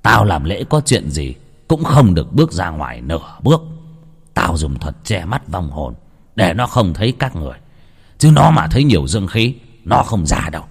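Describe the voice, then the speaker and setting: A man voicing an old village shaman who gives stern, gruff orders slowly. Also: low-pitched, very animated, pitched below the performer's own voice, full character voice. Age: older. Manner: slow, stern, gruff commands. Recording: long reverb.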